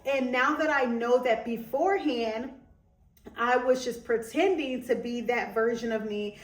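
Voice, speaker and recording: Speaking a little slowly in a fairly high voice, a young podcast host offers a casual motivational talk, emphatic and chatty with lots of asides and an on-and-off country twang. The room is echoey and the mic distant.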